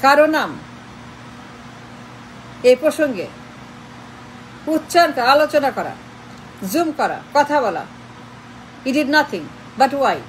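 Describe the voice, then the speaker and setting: A woman with a high voice, hammering away with question after question in a heated political rant. She mixes Bengali and English in her demands. Faint traffic hum sits behind her. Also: very animated, slow, long pauses, low-quality recording. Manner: confrontational, fires repeated rhetorical questions; switches between Bengali and English. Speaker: political commentator. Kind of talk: impassioned online political monologue.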